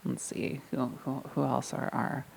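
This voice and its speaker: A woman's voice: extremely low pitch, level tone, measured pace, creaky, darkish tone, slight background noise. A woman co-hosting a podcast in casual chat, trading dry, wry quips. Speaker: podcast co-host.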